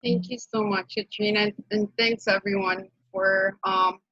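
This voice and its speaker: Presenting her nonprofit's work over a video call, the program director speaks earnestly but with frequent fillers and restarts. She is in her thirties, from Honduras, with a Honduran Spanish accent and a medium, level, slightly bright voice at a measured pace. The video-call mic yields dull, dry sound with no room echo.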